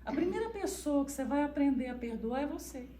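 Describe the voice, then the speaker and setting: Soft-spoken woman in an echoey hall. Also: high voice, fairly quick, a little hiss or hum. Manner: soft, even-toned, speaks of her monotone voice. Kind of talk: informal talk to a church group. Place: church hall. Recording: echoey room, far from the mic.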